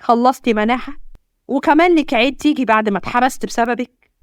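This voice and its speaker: A woman's voice: fairly high pitch, lively intonation, rapid-fire, no room sound, studio quality, natural voice. A woman voicing a cold, heartless older father with an Egyptian accent, speaking in a cold, mocking way. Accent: Egyptian Arabic.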